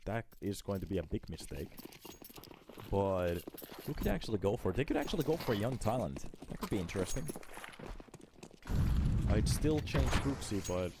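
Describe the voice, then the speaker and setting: Lower-voiced esports caster. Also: male voice, expressive, moderate pace, pauses often, background noise. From Finland. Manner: casual, chatty, talks to chat between plays. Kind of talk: live esports commentary.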